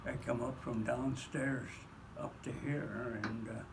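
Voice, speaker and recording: A man in his nineties chatting with family in a care home room, halting and repeating himself, chuckling often. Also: mid-range voice, steady tone, creaky, noisy background. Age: 90s. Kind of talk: casual family chat.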